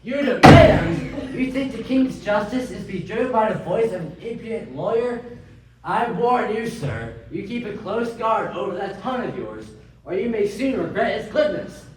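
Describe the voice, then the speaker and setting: A haughty, arrogant magistrate sneers in a high, pompous voice. The radio-drama sound is very echoey and heard from a distance. Faint noise lies underneath. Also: male voice, sing-song, moderate pace. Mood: scornful. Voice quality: pompous, scornful. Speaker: actor.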